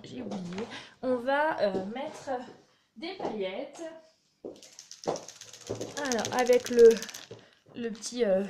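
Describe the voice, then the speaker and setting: Talking as she works, a chatty, encouraging woman with a fairly high voice guides viewers step by step through a craft tutorial. Background noise can be heard.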